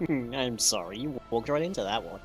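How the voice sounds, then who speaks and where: A man's voice: medium pitch, a bit bright. A man hosting a gaming stream in casual chat, teasing his friends and laughing often. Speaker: streamer and server admin.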